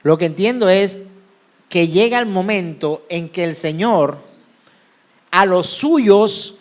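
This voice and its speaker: High-voiced Colombian Caribbean preacher. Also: male voice. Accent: Colombian Caribbean Spanish. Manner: lively preaching, asks the congregation questions and answers them himself. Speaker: pastor. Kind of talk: sermon.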